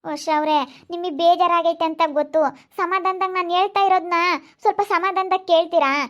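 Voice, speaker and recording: A woman's voice: very high-pitched, level tone, brisk, a bit bright, lo-fi sound. A woman playing a desperate young wife who pleads to stay. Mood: pleading. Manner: pleading, tearful. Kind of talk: amateur family drama skit.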